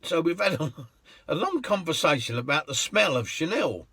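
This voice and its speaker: A man, a cab driver telling anecdotes in a chatty way, laughing often and filling pauses with ums. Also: on the high side, sing-song, sharp tone, husky, no room sound. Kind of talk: anecdotal storytelling.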